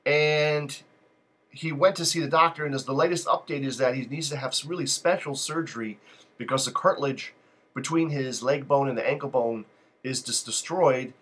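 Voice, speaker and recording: A man's voice: mid-range voice, normal speed, fairly bright tone, husky. A man hosting a live call-in stream, talking in a loose, digressive and joking way. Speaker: live call-in show host. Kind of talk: rambling live-stream monologue.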